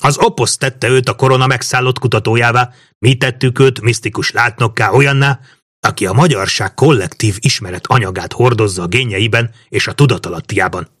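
A man voicing a scheming mage who lays out his plans in a measured, lecturing way, read as an audiobook. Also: medium pitch, fairly even intonation, a bit bright, no echo, studio quality, natural voice. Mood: cold, explaining. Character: scheming male mage, calm cold schemer. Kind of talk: audiobook reading.

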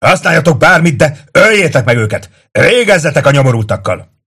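A man voicing a gruff Roman commander who barks orders from the wall. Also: on the high side, very animated, a bit bright, voice pushed up, heavily acted. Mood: bellowing. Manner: barking orders.

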